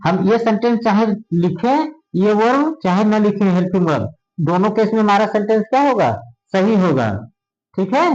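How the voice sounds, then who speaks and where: High-voiced teacher checking understanding. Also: male voice, darkish tone. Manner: checks often if students understand. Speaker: English grammar teacher. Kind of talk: classroom lesson. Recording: dull lo-fi sound.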